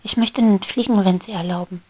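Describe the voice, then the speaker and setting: A woman voicing a shy, eager little female bee in a whispered storybook role-play, speaking softly. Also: mid-range voice, brisk, slightly rough, dry recording, close to an everyday voice. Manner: soft-spoken, delighted exclamations.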